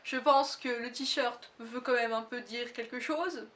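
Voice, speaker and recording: A woman's voice: on the high side, steady tone, a little slow, fairly bright tone, distant mic. A teenage girl from Réunion chatting casually through a clothing haul, rambling with many fillers and self-corrections. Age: teens. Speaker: fashion haul vlogger. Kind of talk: casual haul video chat.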